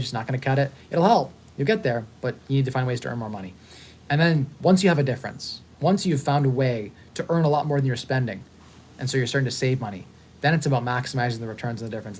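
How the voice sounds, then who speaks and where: A man in his thirties hosting a casual live stream, upbeat and talking in quick bursts with frequent restarts. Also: mid-range voice, darkish tone, a little hiss or hum. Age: 30s. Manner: fast-talking, upbeat, repeats and restarts words. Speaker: host. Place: hotel.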